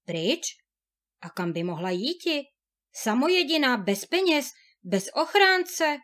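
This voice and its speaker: A woman's voice: high voice, very animated, a bit bright. A woman reading a fairy tale aloud, voicing a desperate, lovesick young husband with pleading outcries. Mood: distraught.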